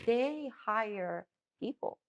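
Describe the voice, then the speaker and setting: Speaking very slowly in a slightly high, animated voice, a middle-aged woman with a Korean accent answers an interviewer's questions as a political candidate. She is a native Korean speaker who restarts often and leans on fillers.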